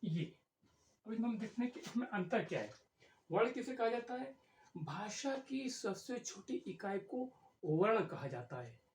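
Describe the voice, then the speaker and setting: A woman teaching a Hindi grammar lesson, explaining slowly and repeating key words as she writes. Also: mid-range voice, sing-song, darkish tone, slight background noise. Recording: echoey room.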